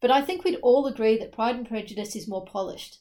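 Chatting about books on a podcast she co-hosts, a woman comes across as opinionated, using emphatic repeats in the casual discussion. She's a fast talker with a warm tone and a voice on the high side.

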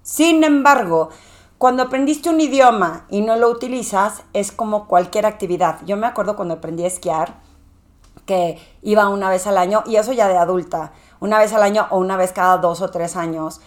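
A woman's voice: medium pitch, normal speed. A woman with a Mexican accent, a public speaking coach talking in a casual, conversational monologue with frequent "eh" fillers.

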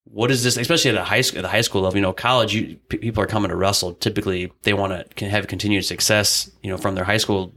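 A man with a low-set, bright and forceful voice chats as a guest, a wrestling coach recounting his past. His talk rambles, packed with "like" and quick restarts. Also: steady tone. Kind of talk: casual storytelling in an interview.

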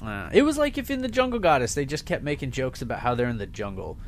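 A man co-hosting a casual podcast chat, giving critical opinions in halting sentences full of restarts. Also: medium pitch, big pitch swings. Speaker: podcast co-host reviewing a movie episode.

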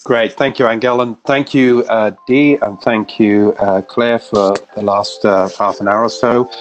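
A man's voice: lowish voice, fairly even intonation, unhurried, low-quality recording. A man hosting a professional podcast, politely thanking his guests as he closes the show. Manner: polite, appreciative, hesitant fillers. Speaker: podcast host. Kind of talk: wrapping up a podcast.

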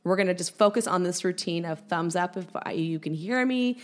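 A woman educator, a guest on a podcast interview, explaining with energetic, animated storytelling. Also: lowish voice, fairly quick.

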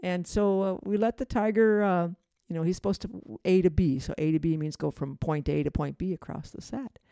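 A woman's voice: on the low side, fairly even intonation, brisk, creaky, warm tone, dry recording, clean studio sound. A middle-aged woman hosting a storytelling show, talking casually and rambling with many fillers and restarts. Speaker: host and storyteller.

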